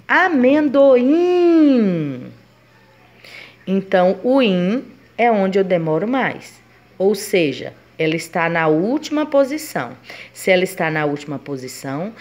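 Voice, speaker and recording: A woman's voice: fairly low pitch, expressive, normal speed, a little mellow. A woman teacher gives a grammar lesson, explaining step by step and voicing her students' questions.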